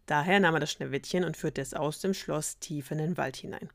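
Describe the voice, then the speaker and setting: Woman storyteller, lowish voice, dry close sound, ironic and slangy. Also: a little fast, vocal fry, no echo. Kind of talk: casual fairy-tale retelling.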